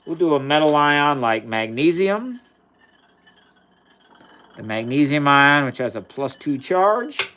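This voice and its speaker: A man's voice: medium pitch, clean tone. A man hosting a live chemistry demonstration, explaining experiments casually and enthusiastically while reading viewer chat aloud. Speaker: science livestream host.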